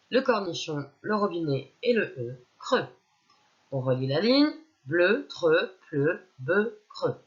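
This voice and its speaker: A woman's voice: fairly low pitch, muffled recording. A woman teacher giving a reading lesson to young children, patiently sounding out syllables one by one.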